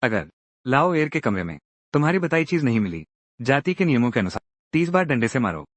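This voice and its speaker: A man's voice: medium pitch, big pitch swings, fairly quick, no echo. A man narrating a drama recap and voicing every character's lines himself, acting each one out in turn.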